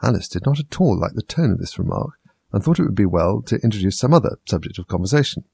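A man reads a children's story aloud in a low, gravelly voice with a husky edge. His intonation rises and falls with lively movement. The sound is close and dry. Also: fast, dry recording. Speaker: narrator. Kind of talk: audiobook story reading.

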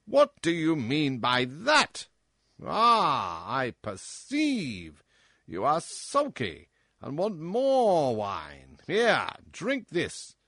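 A cruel old tyrant king booms and jeers in a raised, swooping voice, as a male narrator puts him on. He stretches his words slowly and cruelly, loud and overbearing. A dry, close storybook reading. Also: wildly swooping pitch, creaky, no echo, exaggerated voice. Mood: mocking, blustering. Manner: bellowing, mocking, laughs harshly.

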